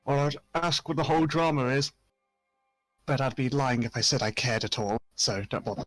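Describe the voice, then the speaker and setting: A man's voice: medium pitch, normal speed, fairly bright tone, faint music behind. A man playing a tabletop game, making dry, dismissive in-character remarks. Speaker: player.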